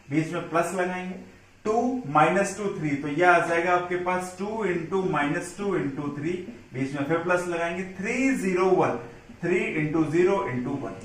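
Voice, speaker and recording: Man, maths teacher, high voice, very echoey room. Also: far from the mic. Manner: step-by-step explaining, addressing students as children. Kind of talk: classroom lesson.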